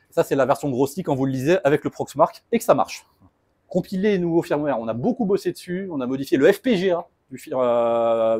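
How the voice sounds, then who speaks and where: A man's voice: mid-range voice, a little mellow, no room sound. A man giving a casual technical conference talk, loose and joking in manner. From France. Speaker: conference speaker. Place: presentation room.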